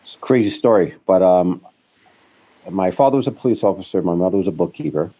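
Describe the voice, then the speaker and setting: A middle-aged interview guest who founded a financial firm talks a little fast in a low, husky voice about his career. His telling is rambling and full of self-corrections, turning animated when he quotes other people.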